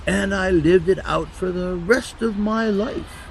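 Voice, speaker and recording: A man playing a jolly, fatherly old Santa Claus who gently tells stories to children in an audio drama. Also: high voice, unhurried, gravelly, slight background noise, rough recording. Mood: kindly storytelling. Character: jolly old Santa Claus, once Saint Nicholas the bishop. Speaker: storyteller to children.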